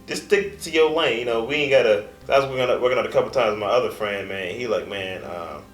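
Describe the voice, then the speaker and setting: A man's voice: mid-range voice, fast, faint music behind. A young man co-hosting a casual fitness chat, talking in a laid-back, loose way with trailing fillers. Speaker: co-host. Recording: echoey room.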